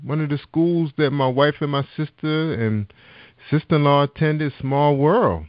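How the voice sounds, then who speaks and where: A man hosting a casual online radio talk show, animated, with lots of shout-outs and "that's right". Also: on the high side, measured pace, no echo. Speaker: podcast host. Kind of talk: casual internet radio chat. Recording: dull lo-fi sound with faint music.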